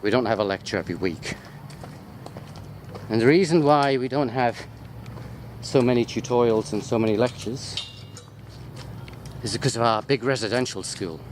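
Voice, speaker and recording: A British university lecturer films himself on a handheld wide-angle sports camera while strolling through botanical gardens, chatting off the cuff in a mid-range voice. He rambles, gets easily distracted and keeps cracking jokes, with outdoor ambient noise from the walk all around.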